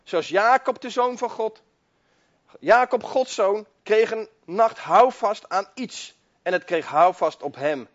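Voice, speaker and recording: A man preaches with a high voice, driving his points home through fervent repetition and swelling emphasis. The recording is dull and lo-fi, like an old sermon tape. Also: expressive, slow.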